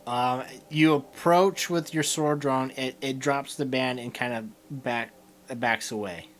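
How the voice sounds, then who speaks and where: A man's voice: medium pitch, steady tone, slow pace, a bit bright, slight background noise. Guy running a tabletop game, lots of ums and uhs, hesitant narration. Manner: hesitant, many fillers. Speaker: game master.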